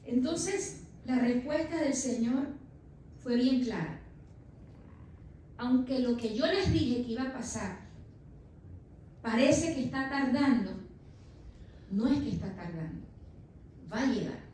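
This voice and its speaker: A woman's voice: high-pitched, lively intonation, takes it slowly, pauses often, mellow. A woman pastor in her thirties preaching a sermon with emphatic delivery, addressing the congregation as brother. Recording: echoey church from far off, faint noise.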